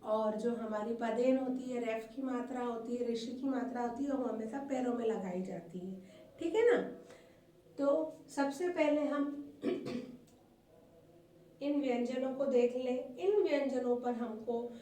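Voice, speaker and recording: Slow, high-voiced Hindi teacher in echoey room. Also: female voice. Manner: patient and repetitive, asks the class questions and answers them herself; calls the pupils "beta" warmly. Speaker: primary school Hindi teacher. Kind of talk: recorded online class lesson. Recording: echoey room, voice far from the mic, faint hum.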